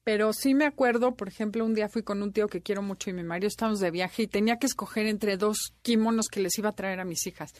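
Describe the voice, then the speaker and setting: A woman's voice: mid-range voice, fast, hardly any pauses, darkish tone, no room sound. A middle-aged woman co-hosting a radio talk show, telling personal anecdotes. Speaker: radio co-host. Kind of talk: casual radio chat.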